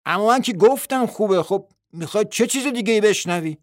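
A blunt, defensive husband, as a male narrator acts him out, speaking in a raised, lively voice that jumps in pitch. He comes across as exasperated and plain-spoken, recorded dry and close to the mic. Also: dry recording.

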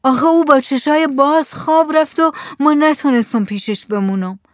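A man's voice: very high voice, no room sound, studio quality, pitched above the performer's own voice. A woman voicing a frightened fisherman. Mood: fearful. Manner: trembling, pleading, anxious. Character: frightened superstitious village fisherman.

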